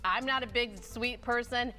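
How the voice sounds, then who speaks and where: A woman's voice: on the high side, moderate pace, bright, forceful tone, soft background music. An American woman presenting and interviewing as host of an upbeat lifestyle TV show.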